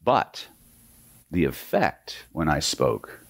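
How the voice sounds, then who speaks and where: Low-voiced guy from oklahoma teaching a hypnosis seminar, punchy, keeps going "right?", dry close sound. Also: very animated, slow, gravelly, dry recording. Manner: emphatic, peppered with rhetorical "right?". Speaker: hypnosis instructor. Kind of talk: seminar lecture to a live audience.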